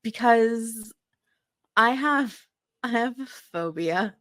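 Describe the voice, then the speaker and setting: A woman with a fairly high, slightly bright voice speaks slowly in a dry recording with no room sound. Co-hosting a casual pop-culture podcast, she's dramatic, exclamatory and sweary, packing her speech with fillers, especially "like."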